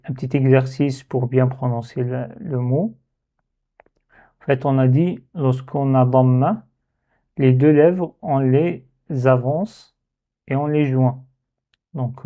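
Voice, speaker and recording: A man teaching Arabic letter reading in a step-by-step lesson, patiently repeating syllables to demonstrate. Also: mid-range voice. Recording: tinny phone-like sound.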